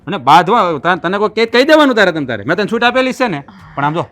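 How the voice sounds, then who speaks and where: Kathiawadi Gujarati accent, slightly high male voice, actor as a soothing henpecked village husband. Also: fast talker. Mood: pleading. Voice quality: soothing, pleading, tries to calm her. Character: meek husband placating his hot-headed wife. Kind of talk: Gujarati family drama acting.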